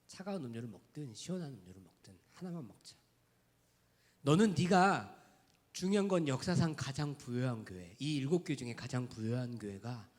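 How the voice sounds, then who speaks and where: A male pastor preaching a sermon in a direct, conversational way, dropping to hushed near-whispers and building to loud, rising emphatic lists. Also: on the high side. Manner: speaks to the congregation in a direct, conversational tone.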